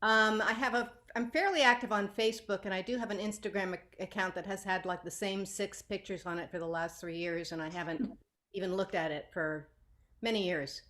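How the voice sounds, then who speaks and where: A woman's voice: mid-range voice, brisk, a bit bright. A woman artist speaking as a panelist on a video call, in a wry, self-deprecating way. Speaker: panelist, digital and ink artist. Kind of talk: casual remarks on a video call.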